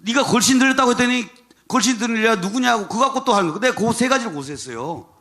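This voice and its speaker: A man speaks to a church gathering as a lawyer, his voice pitched high and swinging widely up and down. He rambles through his account with frequent chuckles and asides, talking straight to the crowd. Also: animated, fast, bright, forceful tone. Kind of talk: animated storytelling speech to a crowd.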